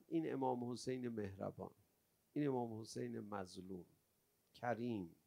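A male preacher telling a religious story in a sermon, rising from quiet storytelling into loud, lamenting cries. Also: medium pitch, vocal fry. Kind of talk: Shia mourning sermon.

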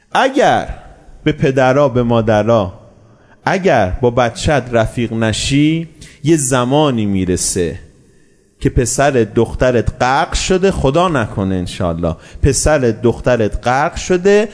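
A man preaching a sermon, telling a story with animated delivery and posing rhetorical questions that he answers himself. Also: medium pitch.

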